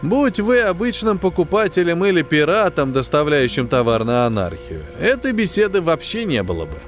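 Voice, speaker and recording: A man reading an audiobook, voicing a plump, smug male space-station quartermaster who talks in a condescending, falsely sympathetic, drawn-out way. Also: fairly high pitch, big pitch swings, soft background music, voice pushed up. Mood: smug, patient. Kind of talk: audiobook character voice.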